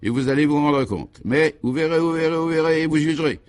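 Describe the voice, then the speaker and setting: A man voicing a fussy, self-satisfied police prefect in a vintage radio play, speaking in a brisk, overly polite manner. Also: a little high, pitched above the performer's own voice, lightly acted. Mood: obliging.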